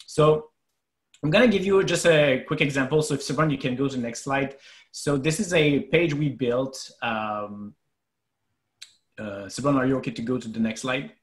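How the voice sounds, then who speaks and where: A French Canadian man walks through technical points in an online webinar, pausing on fillers as he explains. His voice sits at a middle pitch and sounds roomy. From Quebec, Canada. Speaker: web developer presenter. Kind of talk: webinar presentation.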